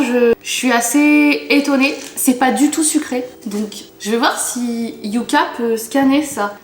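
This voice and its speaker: A woman's voice: on the high side, echoey room. A young woman casually chatting to camera at home, tasting snacks and murmuring as she eats. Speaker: food taster vlogger. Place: home living room, at low table.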